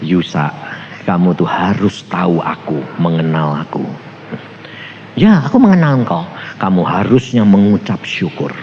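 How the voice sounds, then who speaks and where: A man putting on a soft, low, gentle Jesus. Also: wildly swooping pitch. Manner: slow, tender and reassuring. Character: gentle, patient male Jesus, soft-spoken and calm. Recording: slightly dull with faint background hiss.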